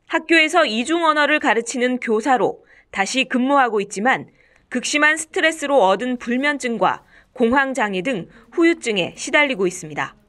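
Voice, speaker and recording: A woman's voice: high voice, fairly bright tone. A woman reporter reading scripted narration for a television news report.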